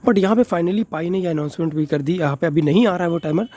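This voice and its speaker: This crypto video creator has a mellow, higher-pitched voice and talks at a quick pace. Nursing a sore throat, he speaks softly and explains things casually to viewers, mixing Hindi and English with frequent fillers.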